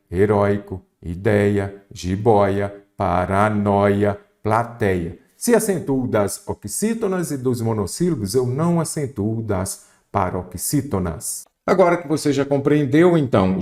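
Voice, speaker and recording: Male teacher, lowish voice, patient explainer, echoey room. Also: a little mellow. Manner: explanatory, addresses student directly, repeats rules. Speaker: Portuguese teacher. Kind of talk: exam prep lesson. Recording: roomy echo.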